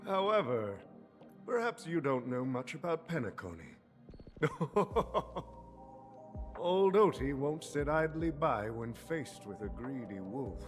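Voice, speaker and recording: A man voicing a shrewd, chuckling very old tycoon in a video game, with a theatrical, deliberate old man's delivery. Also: medium pitch, very animated. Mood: veiled threat. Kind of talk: video game story acting. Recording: long reverb, music behind.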